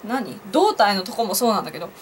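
A woman's voice: medium pitch, very animated, fast talker, slight background noise. A young woman vlogger chatting on her own to viewers, laughing at her own jokes and asking them questions. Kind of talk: casual solo commentary to camera.

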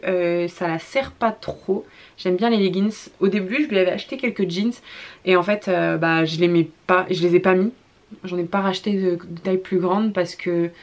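A young woman talks through a baby clothes haul in a relaxed vlog. She gushes and piles up repeated words, and she fills her pauses with soft hesitations. Her voice sits in a middle range for a woman. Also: medium pitch. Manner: gushing, repeats "trop, trop" and fills with "euh". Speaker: vlogger, mother showing a baby clothing haul.

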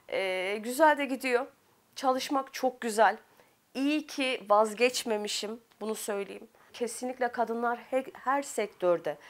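Earnest Turkish businesswoman, fairly high voice. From Turkey. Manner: earnest, reflective, pausing with fillers. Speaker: business owner. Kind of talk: news interview testimony.

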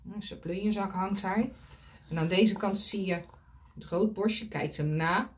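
A woman's voice: medium pitch, measured pace. A woman reading a picture book aloud to children, pointing at the pictures and asking them questions.

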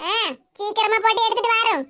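A woman's voice: extremely high pitch, little pitch movement, quick pace, pushed and bright. A woman doing a nagging, bossy cartoon wife. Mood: scolding. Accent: Tirunelveli Tamil. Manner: scolding, nagging. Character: bossy, sharp-tongued mother-in-law. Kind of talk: cartoon voice acting. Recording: noisy lo-fi recording.

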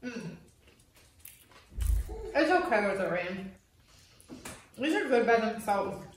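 A woman's voice: medium pitch, lively intonation, slow. A young pregnant woman co-hosting a casual family food review vlog, chatty and upbeat. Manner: chatty and upbeat, talks sweetly to babies. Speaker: family vlog co-host, mother. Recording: very echoey room, a bit far from the mic, faint noise.

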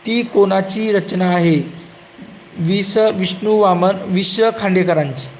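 A man reads out exam-prep quiz questions in a fairly high voice. He takes his time and stretches out each answer slowly. A faint hum sits under the recording. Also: darkish tone, rough recording. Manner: asks a question, then gives the answer slowly and drawn out.

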